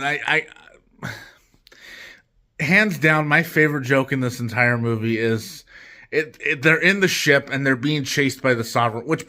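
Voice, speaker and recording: A man's voice: on the high side, sharp tone. A man hosting a casual movie review vlog, rambling with lots of restarts and fillers. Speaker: host.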